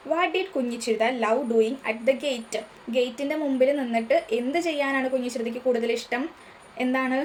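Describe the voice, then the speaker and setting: A woman tutor with a Malayali accent, explaining a textbook story to a class and answering her own questions. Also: on the high side. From Kerala, India. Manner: asks questions and answers them herself. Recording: faint ambient noise.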